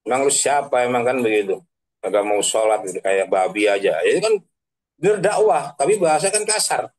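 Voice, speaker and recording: A man with a lowish, animated voice talks a little fast as an Islamic preacher in a casual online religious session, and the audio is poor. His phrasing is slangy and everyday, punctuated by the filler question "kan begitu" and laughter at his own examples.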